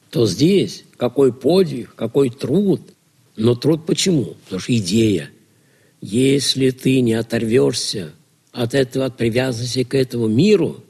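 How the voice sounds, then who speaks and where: A man's voice: mid-range voice, husky. A man lecturing to students on religion, asking rhetorical questions and answering them himself.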